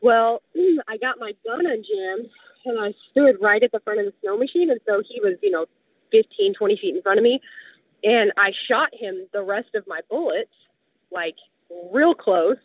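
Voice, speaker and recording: A woman's voice: fairly high pitch, lively intonation, normal speed, no room sound. Woman telling a story over a tinny line. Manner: vivid retelling, many fillers of "like". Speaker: guest telling a survival story. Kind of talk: casual spoken storytelling. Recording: dry, tinny phone-like sound.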